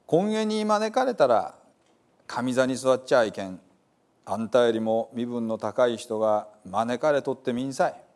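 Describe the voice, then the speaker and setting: A man with a Hiroshima dialect voicing Jesus as a calm male teacher telling parables. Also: mid-range voice, unhurried. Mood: teaching.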